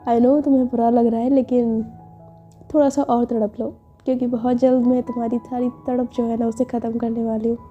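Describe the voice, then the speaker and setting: A woman's voice: on the high side, level tone, a little fast, phone-quality sound, faint music behind, lightly acted. A woman voicing a playful, teasing young woman who mock-scolds her wife in a storytelling dialogue. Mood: tender. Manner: teasing, dismissive, mock-stern.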